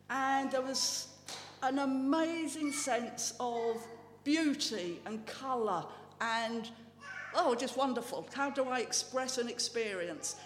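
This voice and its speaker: A man from South East England with a notably high voice gives an informal slide talk, halting and heartfelt, full of restarts. His voice carries the long echo of a big hall, with faint room ambience underneath. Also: fairly bright tone, slight background noise. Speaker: speaker sharing personal testimony. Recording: echoey hall with long reverb.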